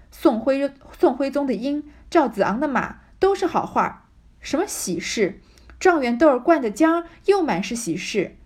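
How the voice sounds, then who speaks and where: A woman's voice: on the high side, mellow, slightly rough, exaggerated voice. A woman voicing a proud, defiant young maidservant who scolds and curses sharply at her sister-in-law.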